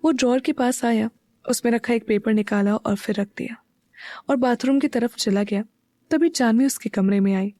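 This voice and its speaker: A woman narrating an audio story in a slow, even storytelling manner. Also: on the high side, dry recording, studio quality. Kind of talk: scripted narration.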